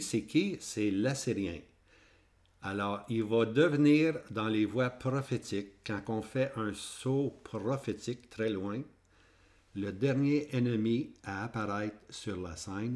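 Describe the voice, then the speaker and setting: With a Québécois French accent, a man teaches a Bible prophecy lesson over maps. His medium-pitched voice is slightly mellow, and he keeps repeating points while checking in with the class through "hein?" and "ok?".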